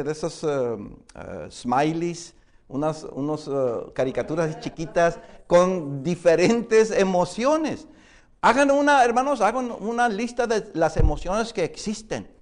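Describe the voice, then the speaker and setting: A man teaching a Bible interpretation course to a class, questioning students often and pausing with fillers. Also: high voice. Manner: explains with many questions to the class and "hermanos"; hesitant, frequent "eh" fillers and restarts. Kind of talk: classroom lecture.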